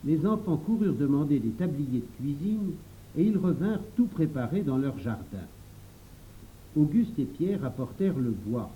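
Lively male storybook narrator. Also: fairly high pitch, moderate pace, slight background noise. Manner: lively, expressive. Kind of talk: storybook reading. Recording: dull, lo-fi.

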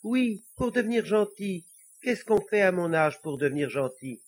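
A high, bright little devil voice, done by a man reading aloud carries this storybook figure. He is polite and earnest, pleading to be taught how to be good, with a lilt that jumps around eagerly. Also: big pitch swings, normal speed.

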